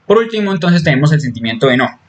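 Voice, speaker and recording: A man's voice: on the high side, big pitch swings, racing, lo-fi sound. A man giving a recorded psychology class, explaining step by step with fillers, restarts and frequent "¿sí?" check-ins. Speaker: psychology lecturer.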